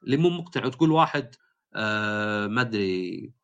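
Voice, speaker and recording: A man's voice: lowish voice, brisk, lo-fi sound. A man hosting a podcast, talking casually and telling stories with animation. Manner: animated storytelling. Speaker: podcast host.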